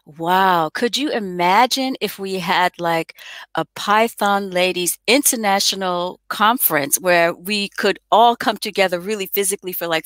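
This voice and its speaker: A woman's voice: medium pitch, fairly bright tone, dry recording. A woman from New York with an American accent, chatting on a video call and laughing often between phrases. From New York, USA. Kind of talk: casual video-call chat.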